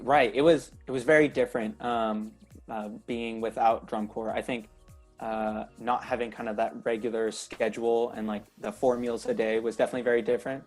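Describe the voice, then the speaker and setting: Over a video call, a drum major in his twenties from Northern California answers interview questions in an earnest, hesitant way, using lots of fillers. His voice is medium in pitch.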